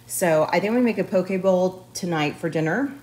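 Talking quickly in a fairly low, slightly mellow voice, this woman chats to camera in a rambling, filler-heavy vlog. She sounds stuffed up from a head cold, and her emptied home office gives the audio an echo.

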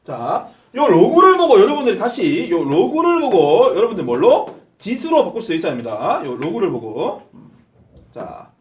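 A man's voice: sits high, huge pitch swings, moderate pace. A man teaching a math lesson, repeating key terms emphatically and checking that the class understands. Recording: echoey lo-fi classroom recording with faint hiss.

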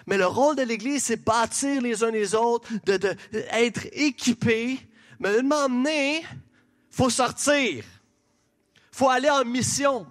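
A man with a Québécois accent preaches in a church, his voice sitting high for a man. He talks animatedly and conversationally, tossing questions and asides out to the congregation as he goes. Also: a bit bright. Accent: Québécois French. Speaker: pastor. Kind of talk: sermon.

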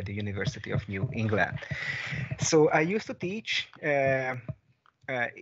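A man in his forties from Hungary, speaking as a guest over a headset video call and pausing often with fillers. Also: mid-range voice, a bit bright, slight background noise. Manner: thoughtful, many fillers and restarts. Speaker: guest, peace researcher and consultant. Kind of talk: casual video call interview. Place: small room at home, indoors. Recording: slightly dull video call audio.

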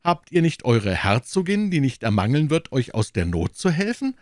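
Lively, teasing storybook musketeer, a male reader doing him. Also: mid-range voice, moderate pace, no echo, studio quality, pitched above the performer's own voice, close to an everyday voice.

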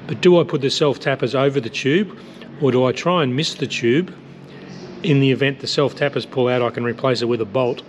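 A man with a mid-range voice talks a little fast as he works on building an aircraft, casually thinking aloud and hesitating often. He's in a large metal hangar workshop, so the sound echoes, with faint noise in the background.

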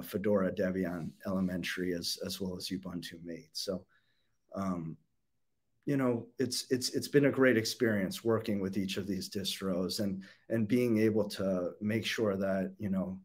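A man's voice: deep voice, husky. Casual young man giving a keynote. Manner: casual, many fillers and restarts. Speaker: company CEO giving a keynote. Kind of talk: conference presentation. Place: home or office room. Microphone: webcam video call.

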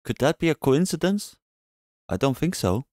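A man's voice: a little high, very animated, moderate pace, noisy background. A man giving casual reaction commentary as the host of a reaction video. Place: indoors at a desk. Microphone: microphone close in front.

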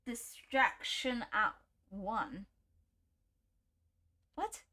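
A woman's voice: mid-range voice, expressive, drawn-out words, bright, forceful tone. A woman giving casual let's-play commentary, jumpy and chatty, laughing often and talking to the game as she plays. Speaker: gaming YouTuber.

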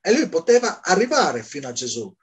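A man's voice: high-pitched, a little fast. A man preaching a Bible study, asking questions and answering them himself. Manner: animated, asks and answers his own questions.

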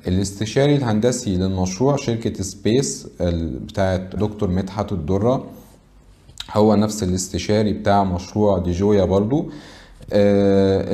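A man in his thirties with an Egyptian accent, a real estate consultant briskly presenting details to camera, reeling off figures with frequent filler sounds. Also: low voice, warm tone. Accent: Egyptian Arabic. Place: indoor studio with backdrop.

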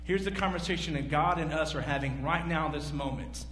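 A man's voice: fairly high pitch, a little fast. A man in his forties, a pastor preaching a sermon to his congregation and asking them questions as he moves around a large church stage. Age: 40s. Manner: animated, pacing the stage and gesturing. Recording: echoey hall, faint hum.

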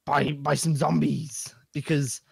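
A man stammers his way through in-character excuses during a tabletop game. He talks slowly, and his gravelly, husky voice sounds dry and close on a voice chat mic. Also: on the high side, level tone, dry recording. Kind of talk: casual in-character game banter.

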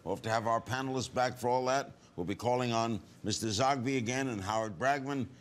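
A man hosting a political panel show, moderating the talk briskly. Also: mid-range voice. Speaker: host.

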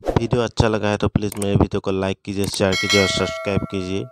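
A man's voice: lowish voice, flat delivery, fast talker. A man narrating a how-to video as its presenter. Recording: very noisy, insect-like chirping and clicks.

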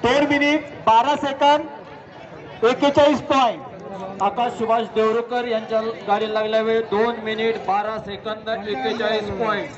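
A man calls a race over a public-address loudspeaker. His voice sits very high and barely moves in pitch as he reads out times and warnings in a steady cadence. The sound is dull and lo-fi, with a big crowd around the outdoor ground. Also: moderate pace. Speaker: race announcer. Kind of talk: live race commentary and results calling. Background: large crowd.

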